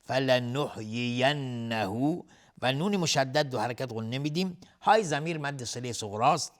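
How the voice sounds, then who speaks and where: A man teaching the rules of Quran recitation. He chants each verse slowly and melodically, then explains the rules in quick, plain speech. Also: medium pitch, expressive.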